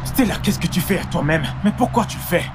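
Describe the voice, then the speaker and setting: An actor dubbing a calm, caring young man who reassures a panicked mother. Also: high-pitched, fast talker, noisy background. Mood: reassuring. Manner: reassuring, steady. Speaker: suitor called by the mother. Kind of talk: dubbed film acting.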